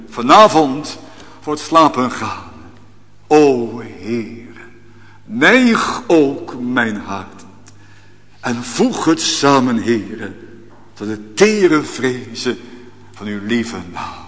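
A man preaching a sermon as pastor, swinging between loud, rising calls and hushed, low passages. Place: church. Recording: long church reverb.

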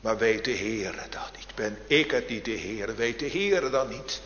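A man preaching a baptism sermon, addressing the parents in slow, measured phrases that build to fervent emphasis. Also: fairly low pitch, animated, a bit bright, a little hiss or hum. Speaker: pastor. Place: church. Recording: echoey church hall, dull sound.

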